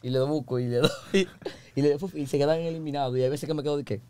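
A man's voice: on the high side, steady tone, quick pace, mellow, clean tone. A young man with a Dominican accent, a comedian guest chatting casually in slang and acting out voices in his stories. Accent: Dominican Spanish. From Dominican Republic. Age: young adult. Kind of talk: casual interview chat.

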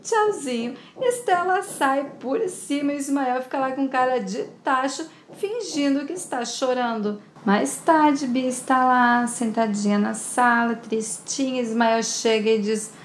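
A woman's voice: high-pitched, a little slow, hardly any pauses, slight background noise. A woman narrating a soap opera recap, retelling the scenes and reading all the dialogue herself. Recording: echoey room with faint ambience.

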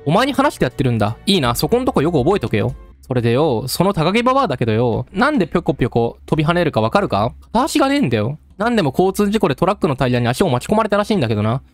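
A man voicing a rough-talking male storyteller who taunts the listener in coarse street speech. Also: on the high side, no room sound. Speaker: game let's-play narrator.

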